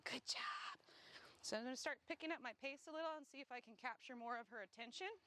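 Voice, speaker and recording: A woman dog trainer talking casually as she walks outdoors, explaining each step and breaking off to give quick praise and corrections. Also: high voice, fairly bright tone, a little hiss or hum. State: slightly winded from walking. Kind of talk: casual instructional talk while walking a dog. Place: outdoors on grass.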